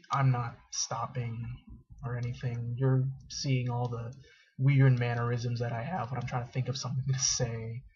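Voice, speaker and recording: In a dim dorm room, a young adult male vlogger rambles casually straight to his webcam, full of fillers and self-mocking asides. His voice is mid-range, darkish and slightly rough. It's picked up by the built-in webcam mic, so the audio sounds dull.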